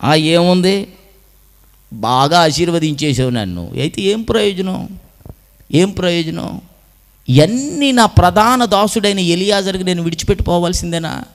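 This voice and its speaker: A man's voice: sits high, animated, normal speed, pauses often, long reverb tail, voice pushed up. A man voicing a weeping old patriarch. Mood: plaintive. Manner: plaintive, repeating his complaint. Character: weeping old patriarch lamenting he has no heir.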